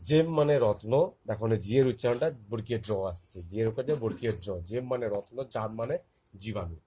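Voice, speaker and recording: A man's voice: on the low side, fast talker, mellow, husky. A man with a Bengali accent teaching a phonics lesson to young children, spelling words letter by letter and repeating them.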